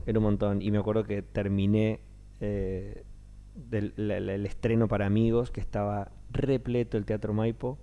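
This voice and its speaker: A man in his thirties, a stage actor with a Rioplatense Spanish accent, talking casually in an interview and acting out the voices of people he quotes. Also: lowish voice. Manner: animated storyteller, acts out quoted voices.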